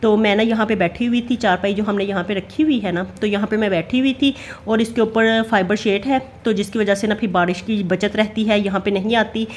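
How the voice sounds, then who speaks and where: A woman's voice: medium pitch, fairly even intonation, fairly quick, few pauses, a little hiss or hum. A middle-aged woman with a Pakistani Urdu accent, chatting in a homely way as she narrates her family vlog. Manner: chatty, homely, many fillers. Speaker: family vlogger. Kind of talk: casual voice-over narration.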